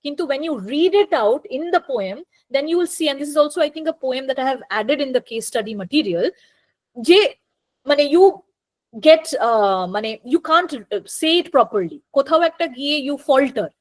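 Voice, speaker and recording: Bengali lady lecturing on translation, high voice, slow and thinking out loud. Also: expressive. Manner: thoughtful, often pauses with fillers and restarts. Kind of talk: academic talk mixing Bengali and English.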